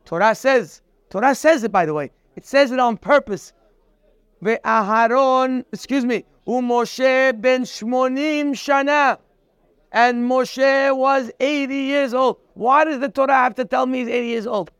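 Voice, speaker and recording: A man teaching a daily Torah class preaches emphatically, speaking straight to the listener and repeating "you"; he quotes Hebrew sources and then translates them. His very high voice is steady, unhurried, fairly bright, clear and resonant, with no room sound.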